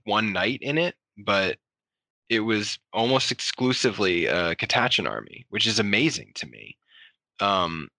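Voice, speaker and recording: Bright-voiced man chatting on a podcast. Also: lowish voice, no echo. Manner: enthusiastic, rambling with fillers. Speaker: podcast host. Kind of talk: casual podcast chat.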